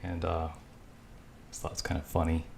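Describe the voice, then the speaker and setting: A man's voice: extremely low pitch, monotone, a little fast, creaky, darkish tone, a little hiss or hum. A man from Staten Island giving sarcastic, chuckling voice-over commentary on an old talk show clip, with the odd profanity. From Staten Island, New York. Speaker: video commentator.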